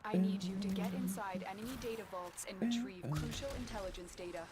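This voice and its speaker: A woman playing a serious, commanding mission-control guide in a sci-fi video game, giving measured scripted instructions. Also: medium pitch, fairly even intonation, natural voice. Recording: quiet game audio under streamer chatter.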